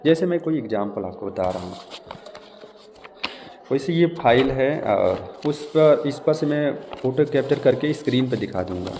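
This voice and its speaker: Chemistry teacher in a reverberant room. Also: male voice, mid-range voice, animated, moderate pace, mellow. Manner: explains step by step, checks understanding often. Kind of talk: classroom lecture. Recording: long reverb, faint room noise.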